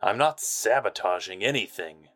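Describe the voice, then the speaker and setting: An actor playing a world-weary, sardonic hardboiled private eye in a noir audio drama. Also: male voice, fairly low pitch, animated, moderate pace, fairly bright tone, soft background music.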